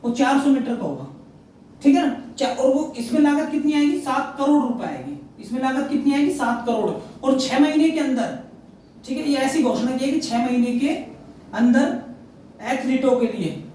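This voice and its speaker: This man's voice is extremely high-pitched yet dark in tone, expressive and at a normal speed. Teaching current affairs for exam prep, he asks and answers his own questions, repeats every fact, and keeps saying "theek hai na," recorded far from the mic in a very echoey room with faint noise.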